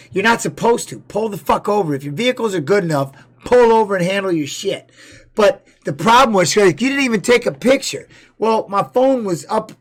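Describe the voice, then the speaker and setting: A middle-aged man streaming, loudly telling stories and reacting to fight videos with plenty of swearing. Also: sits high. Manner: loud, profane storytelling with laughs. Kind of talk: casual stream chat.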